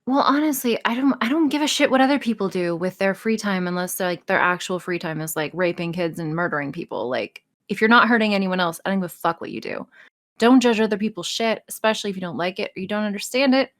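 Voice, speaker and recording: This woman talks fast at a medium pitch. She's a podcast guest and audio roleplay artist, chatting casually in a blunt, emphatic way and swearing freely through the profane interview.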